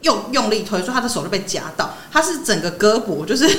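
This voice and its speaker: Young woman chatting fast on a podcast, bouncy voice, faint hiss behind. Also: medium pitch. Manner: animated storytelling, laughing often. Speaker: podcast co-host. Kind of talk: casual chat.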